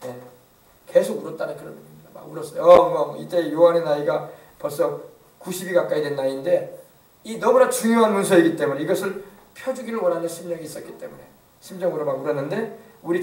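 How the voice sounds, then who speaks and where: A man's voice: a little high, fast talker, darkish tone. A male pastor preaching a sermon, emphatic and often asking the congregation questions. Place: church. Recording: echoey church from far off.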